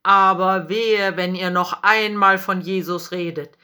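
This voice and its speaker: A woman voicing stern, indignant temple priests in a storybook reading, speaking in a raised, higher voice. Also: steady tone, measured pace, sharp tone, clear, resonant tone. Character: stern angry temple priests, older men.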